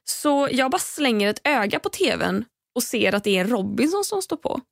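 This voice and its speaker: A young woman with a fairly high voice tells a story, animated and loose, swearing freely as she goes. She acts out what others said along the way. The sound is dry and close, with no room around her. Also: creaky, no room sound. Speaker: podcast host. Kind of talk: casual storytelling chat.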